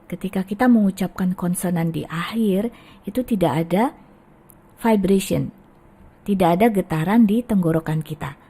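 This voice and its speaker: A woman with an Indonesian accent teaching English pronunciation as the host of her channel, patiently modelling words slowly. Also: lowish voice, dark tone, breathy edge. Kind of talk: pronunciation lesson.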